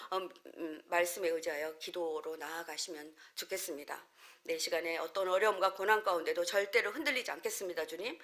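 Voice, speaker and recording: A woman pastor giving a sermon and leading fervent spoken prayer, with steady preaching that rises into impassioned, repetitive calling out. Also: lowish voice. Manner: calm, measured preaching. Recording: music playing underneath. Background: instrumental music.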